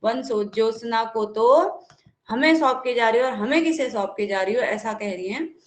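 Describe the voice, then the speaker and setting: A woman teaching a live online class, reading verses slowly and then explaining them in a conversational way, greeting students as they join. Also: fairly high pitch, reverberant. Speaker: Sanskrit teacher.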